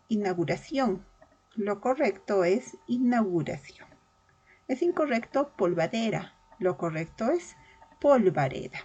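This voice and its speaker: A woman teacher giving a verbal reasoning lesson, slowly and deliberately spelling out examples of correct and incorrect words. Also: on the high side, mellow, breathy edge, lo-fi sound.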